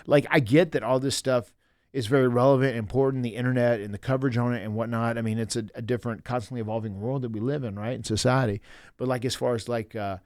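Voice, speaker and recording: A man in his fifties, a pro wrestler telling stories in a casual interview, animated and full of restarts and fillers. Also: mid-range voice, quick pace, no room sound, clean studio sound. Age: 50s.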